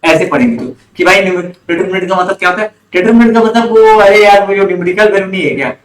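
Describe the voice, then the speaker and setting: Upbeat male tutor from India, high voice, roomy echo, drills terms by repetition. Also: quick pace. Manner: lively, quizzes students, repeats key terms. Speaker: commerce teacher. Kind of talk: online class lecture. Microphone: online class recording.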